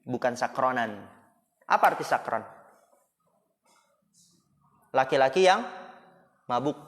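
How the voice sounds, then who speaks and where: An animated, fairly bright mid-range voice speaks slowly as an Islamic school teacher jokes and asks rhetorical questions while teaching Arabic grammar. He is in a boarding school classroom, and the sound carries a long hall reverb.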